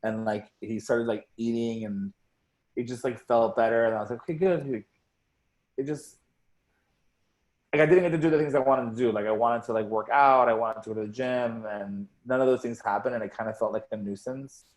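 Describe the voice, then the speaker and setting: A man's voice: medium pitch, steady tone, a little fast. A young man co-hosting a casual podcast, rambling with constant fillers and swearing. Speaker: podcast co-host.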